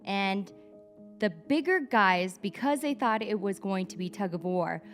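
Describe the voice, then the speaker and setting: A woman's voice: mid-range voice, a little slow, faint music behind. A woman in her thirties casually telling a story with lots of swearing, acting out her own and others' panicked shrieks. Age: 30s. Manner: animated, profane, acts out shrieking reactions. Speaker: vlogger.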